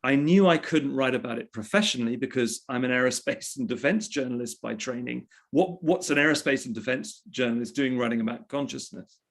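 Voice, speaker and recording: A man's voice: medium pitch, brisk, hardly any pauses. Reflective man telling a story. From England. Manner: reflective, often restarting phrases. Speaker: interview guest, journalist and author. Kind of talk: conversational storytelling.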